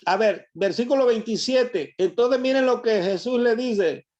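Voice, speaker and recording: A man's voice: extremely high pitch, measured pace, a little mellow. A man preaching a sermon, reading scripture verses aloud and explaining them to his listeners. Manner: reads verses aloud and comments on them to the congregation. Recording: dull lo-fi recording.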